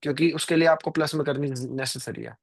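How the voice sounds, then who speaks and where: A man in his 20s running a trading live stream chats with viewers in a slightly high voice with vocal fry, speaking quickly. He rambles, uses many fillers, and speaks to the audience directly. The recording is dry and studio quality.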